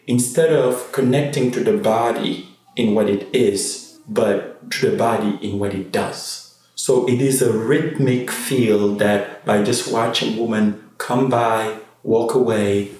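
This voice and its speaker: A man's voice: on the low side, darkish tone. A man, a fashion designer, speaks reflectively in an interview, searching for his words. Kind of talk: interview conversation. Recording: echoey room, voice from far off the mic.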